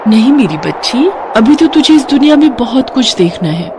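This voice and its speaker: Loving mother's ghost for a cartoon story, voiced by a woman, soft and tender. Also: on the high side, sing-song, moderate pace, noisy background, voice pushed up. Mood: soothing. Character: gentle, loving spirit of a dead mother. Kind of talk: animated storybook voice acting.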